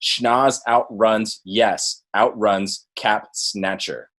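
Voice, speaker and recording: A low-pitched, old-timey baseball newsreader straight out of the 1940s, as a podcast host puts him on. He reads a period sports story aloud with theatrical, drawn-out emphasis. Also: fairly even intonation, a bit bright, exaggerated voice.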